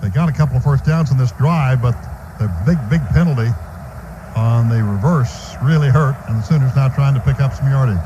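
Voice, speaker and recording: An American-accented man calls a football game live as a radio play-by-play announcer, his mid-range voice fairly quick. The noisy stadium radio broadcast sounds muffled, with loud crowd ambience behind him.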